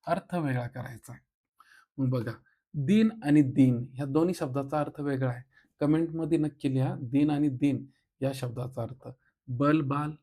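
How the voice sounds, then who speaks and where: A man with a Marathi accent leads an exam-prep grammar lesson in a slightly high voice, recorded on a close microphone. He explains each point step by step and keeps turning to his listeners with quick rhetorical checks. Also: darkish tone. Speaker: teacher.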